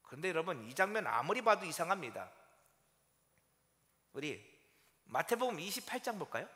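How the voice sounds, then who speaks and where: A male pastor preaching a Sunday sermon in a church, animated and asking his congregation rhetorical questions. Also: fairly high pitch, moderate pace. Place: church sanctuary. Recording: long church-hall reverb.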